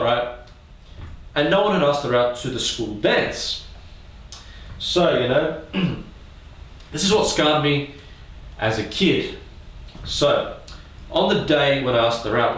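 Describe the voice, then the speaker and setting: Guy telling crude funny stories about being a kid, lively voice, big echo, off mic. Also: mid-range voice. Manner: animated, swearing, acts out voices of others. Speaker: storyteller. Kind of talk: comic personal storytelling. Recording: echoey room, from a distance.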